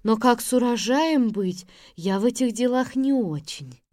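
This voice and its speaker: Gentle, high, composed wise maiden, as a woman narrator voices her; storybook reading. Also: expressive, a little slow, no room sound, clean studio sound. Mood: calm. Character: wise calm young tsarevna.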